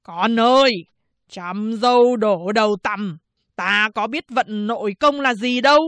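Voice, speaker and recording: A proud condemned prisoner who barks his demands, loud and commanding even in chains, as a woman narrator raises her voice for him. It is a storybook reading, recorded close and dry. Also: fairly high pitch, a little slow, no room sound. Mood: defiant, indignant. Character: defiant condemned male prisoner, proud and fiery.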